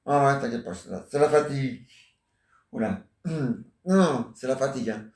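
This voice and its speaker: A man's voice: medium pitch, expressive, moderate pace, recorded from a distance. Joking French man in an echoey room. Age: 40s. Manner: joking, playful, teasing banter. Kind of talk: rambling casual chat.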